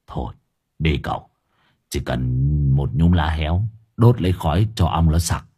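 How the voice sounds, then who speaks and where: A man voicing a gruff, coarse henchman who grumbles and curses in a deep, dropped voice. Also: measured pace, mellow, heavily acted.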